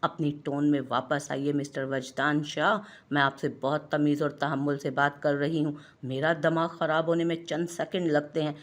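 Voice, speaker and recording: A fierce young woman barrister, voiced by a woman narrator, defiant and sharp-tongued. She stays proud and unafraid in a storybook reading. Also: deep voice, flat delivery, moderate pace, few pauses, natural voice. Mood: cold.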